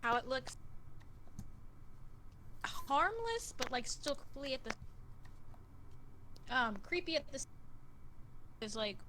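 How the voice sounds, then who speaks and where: A woman's voice: high voice, sing-song, sharp tone, low-quality recording. A woman student giving hesitant feedback in an online class while her microphone keeps cutting out and dropping her words. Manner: hesitant, halting, with many fillers. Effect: mic cutting out and dropping words. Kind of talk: casual class discussion. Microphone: computer mic on a video call. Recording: faint noise, signal cutting out.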